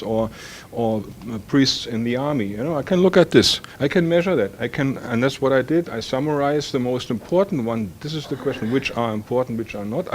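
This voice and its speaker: A man's voice: medium pitch, slight background noise. A man from Germany with a German accent, speaking on an academic panel and thinking aloud with many fillers and restarts.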